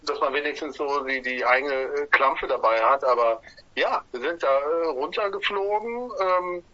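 A man from a band talking through a tour in a radio interview, keen and peppered with hesitations. His voice is bright and a little raised, recorded dry and somewhat lo-fi. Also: a little high, normal speed, no room sound. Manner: enthusiastic, many filler sounds. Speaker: band musician guest.

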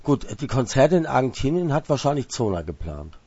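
A man hosting a relaxed radio interview, chatting loosely and tripping over his words in repeated starts. The sound is dry and a little dull, like a lo-fi studio recording. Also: mid-range voice, brisk, no room sound. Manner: stammers and repeats words while searching.

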